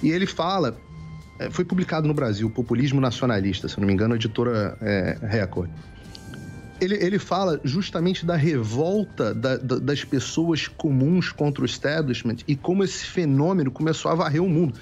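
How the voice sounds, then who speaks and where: A man's voice: mid-range voice, lively intonation, brisk, darkish tone, soft background music. A man speaking as a guest commentator on a political talk show, lecturing in an emphatic way and repeating key phrases, heard over dull, lo-fi remote-call audio.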